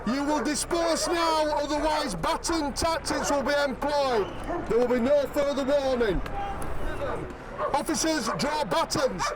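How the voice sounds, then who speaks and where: A police officer blaring slow, stern dispersal orders through a loudspeaker, heard from a distance on a city street. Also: male voice, very high-pitched. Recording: distant, loud street noise, dogs.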